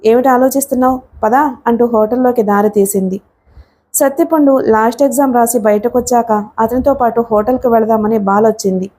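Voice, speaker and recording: A woman narrating an audiobook story in a calm, even manner. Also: fairly high pitch, moderate pace. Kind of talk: scripted narration.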